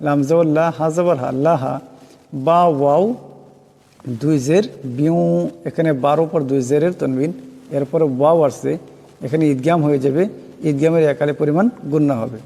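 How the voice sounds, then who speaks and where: A man teaching Quran recitation, spelling out each word and chanting the verses slowly. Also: fairly high pitch, fairly even intonation, warm tone, long reverb tail. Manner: slow melodic chanting of verses, quick plain explaining.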